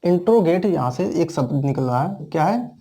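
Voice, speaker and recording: A man's voice: fairly high pitch, animated, fairly quick, mellow. A man with an Indian accent, an English teacher explaining grammar step by step and asking and answering his own questions. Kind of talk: classroom grammar lesson.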